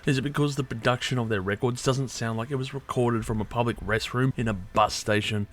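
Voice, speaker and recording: Sarcastic low-voiced man reviewing music. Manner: sarcastic, irreverent, swears casually. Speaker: album reviewer. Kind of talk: scripted music review monologue.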